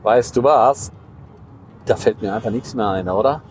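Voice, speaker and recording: A man's voice: lowish voice, moderate pace, darkish tone, slight background noise. A man hosting a casual podcast monologue, ranting indignantly and often ending with tag questions. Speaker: podcast host and coach.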